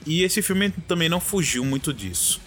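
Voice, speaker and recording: A man's voice: fairly high pitch, very animated, moderate pace, fairly bright tone, faint music behind. A Brazilian man chatting casually as a podcast panelist. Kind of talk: casual chat.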